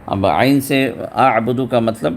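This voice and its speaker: A man teaching a tajweed lesson, patiently explaining step by step and chanting verses slowly and drawn out. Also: mid-range voice, a little hiss or hum. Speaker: Quran recitation teacher. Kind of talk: tajweed lesson with recited examples.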